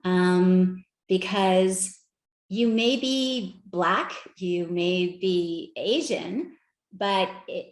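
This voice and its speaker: A woman giving a conference talk with slides, animated and conversational, often asking the audience direct questions. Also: on the low side, reverberant. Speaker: speaker at an equity research event. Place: virtual event.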